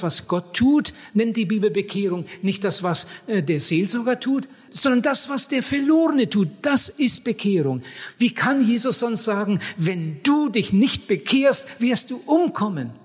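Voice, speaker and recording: A man preaching a sermon in an earnest, emphatic way, addressing his listeners warmly as dear ones. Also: very high voice, breathy edge. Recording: long hall reverb.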